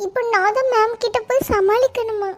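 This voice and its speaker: Very high-voiced young woman. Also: fairly even intonation, a little fast. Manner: anxious, pleading. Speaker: sketch actor. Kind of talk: comedy sketch acting.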